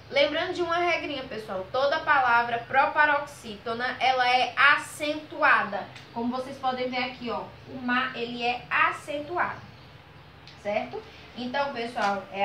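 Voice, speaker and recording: A woman teaches a grammar lesson, her voice bright and a little high. She draws out each example word slowly and keeps checking in with her students. The recording sounds echoey, with faint room noise behind her. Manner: patient, drawn-out model words, frequent "ok?" and "certo?" checks.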